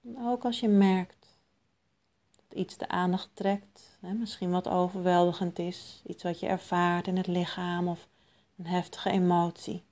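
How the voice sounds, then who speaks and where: Female meditation guide: soft, soothing, lowish voice, very unhurried, calm, generous pauses.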